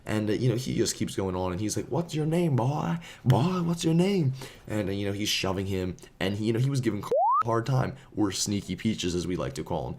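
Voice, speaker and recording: A man's voice: lowish voice, fast, few pauses, slight background noise. A man casually telling a story, rambling with lots of fillers. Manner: rambling, filler-heavy, laid-back. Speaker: storyteller and vlogger.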